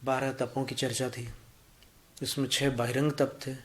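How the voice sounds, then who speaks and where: A man giving a Jain religious discourse, teaching in a measured way and explaining points through anecdotes and examples. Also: mid-range voice, flat delivery. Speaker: Jain preacher.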